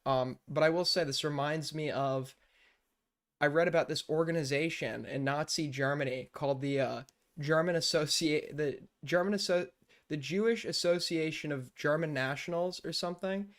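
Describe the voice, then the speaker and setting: A young man with a voice on the high side reacts to news clips on a live stream at normal speed. His commentary is casual, rambling and blunt, packed with fillers and swearing.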